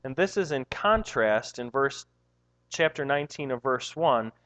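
A man's voice: medium pitch, lively intonation, unhurried, a bit bright, low-quality recording. A man preaching a sermon, reading scripture aloud and explaining it with repetition and rising emphasis. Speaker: pastor.

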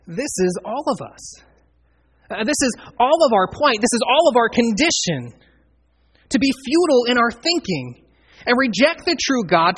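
A man's voice: very high voice, a bit bright, slightly rough. A man preaching an expository sermon, earnestly explaining and quoting scripture verse by verse. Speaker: pastor.

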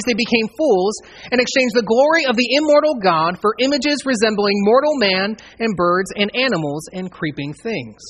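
A man's voice: extremely high pitch, a bit bright, a little hiss or hum. A man preaching an expository sermon, earnestly explaining and quoting scripture verse by verse. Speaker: pastor.

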